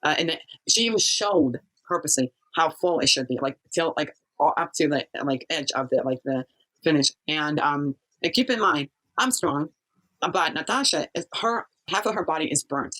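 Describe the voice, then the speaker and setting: A woman from Kazakhstan, a guest in an interview, telling her story haltingly with many pauses and fillers. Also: low voice, lively intonation, a bit bright, low-quality recording. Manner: halting, searching for words, frequent fillers. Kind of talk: personal testimony in an interview.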